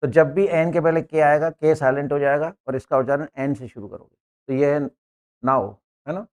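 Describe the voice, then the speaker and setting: A man's voice: fairly high pitch, steady tone, darkish tone, clear, resonant tone. Man teaching English pronunciation in class. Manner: explains slowly, often asks "है ना?". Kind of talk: classroom lesson.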